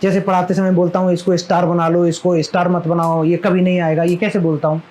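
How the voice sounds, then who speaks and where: A man's voice: sits high, level tone, brisk, darkish tone, rough recording. A male maths teacher giving a live classroom lecture, chatty and fondly scolding, who keeps asking his students questions.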